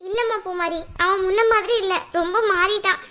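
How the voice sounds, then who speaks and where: A woman's voice: extremely high pitch, steady tone, a little fast, bright, forceful tone. A woman voicing a stern older aunt who scolds her nephew bluntly in a family drama skit. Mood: reproachful.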